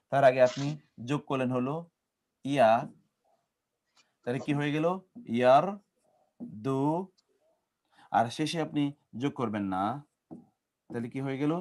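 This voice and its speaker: A man's voice: medium pitch, a little mellow. A man with a Bangladeshi accent teaching an Arabic grammar class. He spells out verb forms syllable by syllable and quizzes his students. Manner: drills conjugations, syllable by syllable, with quiz questions to the class. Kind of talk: classroom lecture.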